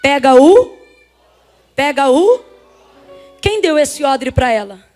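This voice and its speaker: A Brazilian woman preaching a sermon to a congregation, emphatic and swinging from soft talk to shouts as she calls on the listeners. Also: high voice, very animated, takes it slowly, faint music behind. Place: church before a congregation.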